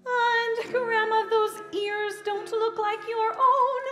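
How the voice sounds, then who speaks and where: An innocent little girl heroine sings her lines sweetly and earnestly, played by a woman. The voice is very high and unhurried. It sits in a roomy studio with faint music behind. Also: flat delivery, fairly bright tone, heavily acted. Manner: sweet, sing-song, earnest. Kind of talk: musical storybook acting.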